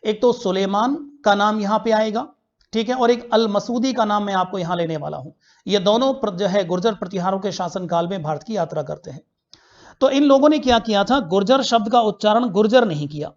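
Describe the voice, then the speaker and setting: A man's voice: sits high, expressive, fairly quick. A male history teacher giving an online class lecture, asking quiz questions, answering them himself and repeating key facts for students to remember. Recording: dull lo-fi recording.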